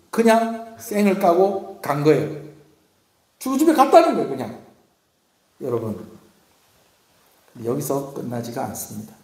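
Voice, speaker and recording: A man's voice: sits high, a little mellow. A male pastor preaching at a Friday prayer meeting in a church sanctuary. He keeps asking the congregation questions and then answers them himself. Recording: echoey church room.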